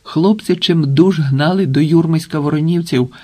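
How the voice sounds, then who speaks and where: A man's voice: fairly high pitch, moderate pace, warm tone. Man narrating an adventure audiobook. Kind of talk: scripted narration.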